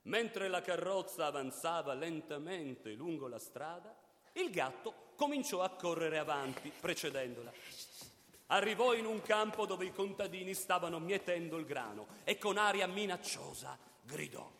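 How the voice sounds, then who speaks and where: A man narrating a fairy tale in an expressive storytelling manner. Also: a little high, normal speed, a little hiss or hum. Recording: long hall reverb.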